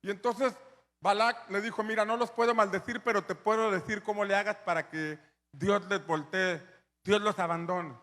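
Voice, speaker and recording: A man preaching a sermon as pastor, telling the story with animated energy and building to shouts. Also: high-pitched, normal speed, big-room sound.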